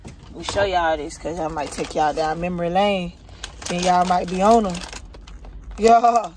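A woman's voice: fairly low pitch, steady tone, a little slow, darkish tone, slight background noise, poor audio. A woman, a truck driver chatting candidly to her phone in her truck cab and swearing freely. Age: 20s. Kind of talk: casual vlog chat. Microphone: phone held at arm's length.

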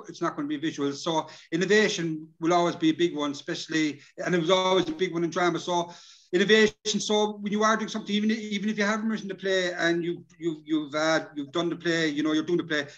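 Over a muffled video call, this middle-aged man with an Irish accent has a high, fairly bright voice as he runs a casual workshop. His delivery is chatty and repetitive, he keeps addressing everyone as "lads," and some of it comes straight off his slides.

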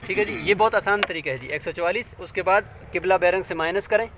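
A man's voice: high voice, quick pace, background noise. A man teaching a hands-on demonstration, patient and step by step, often asking his listeners to check along.

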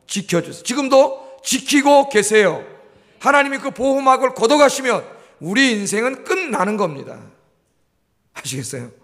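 A high, slightly bright male voice fills a church sanctuary as a pastor preaches with emphasis. He repeats key lines and asks the congregation questions, all carried by the long reverb of the hall.

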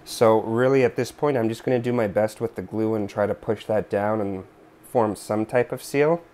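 A man in his thirties, somewhat low-voiced and a little mellow, hosts a DIY repair video at a moderate pace from a workbench board in his living room. His delivery is casual, thinking aloud with fillers and side comments.

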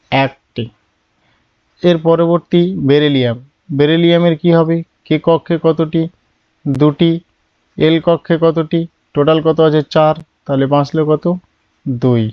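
A man's voice: on the high side, clean tone, dry recording, muffled recording. Patient man teaching step by step. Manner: asks questions and answers them himself, drops his voice on answers. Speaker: chemistry teacher. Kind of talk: classroom lesson.

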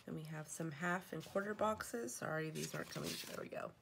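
A woman with a low, creaky voice talks briskly through her planner stickers, sitting at a table at home. Allergies make her sound sniffly, and her casual show-and-tell is full of fillers and self-corrections. Background noise is audible.

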